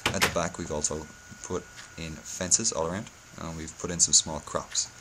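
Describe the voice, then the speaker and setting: A man's voice: a bass voice, steady tone, normal speed, sharp tone, slight background noise, rough recording. A hungover man giving a casual game-building tutorial, speaking hesitantly and often correcting himself. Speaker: video tutorial host.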